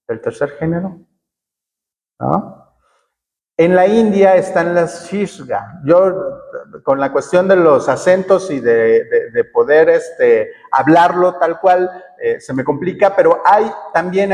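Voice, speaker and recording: A woman's voice: on the low side, darkish tone. A woman from the coast of Oaxaca with a Mexican accent, leading a workshop and explaining patiently while often checking with her listeners. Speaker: workshop facilitator. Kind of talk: teaching a workshop. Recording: long reverb in a hall.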